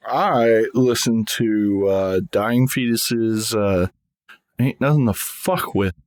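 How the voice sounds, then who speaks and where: A man's voice: lowish voice, slow, darkish tone, no room sound, clean studio sound. A man co-hosting a podcast, chatting casually with jokey, blunt short reactions. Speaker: podcast co-host.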